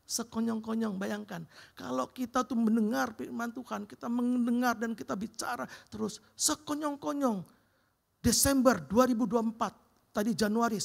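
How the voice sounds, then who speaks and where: In a church sanctuary, a middle-aged man delivers a sermon with personal testimony, telling of his own hardship and answered prayer. His high voice is gravelly and slightly husky, and he keeps the story lively, casually calling listeners "Bro."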